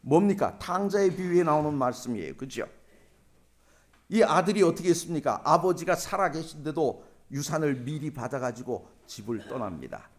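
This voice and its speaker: A man's voice: on the high side, animated, normal speed. A man pastor delivering a sermon in a church, often asking the congregation questions and telling stories. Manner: asks the congregation questions, storytelling.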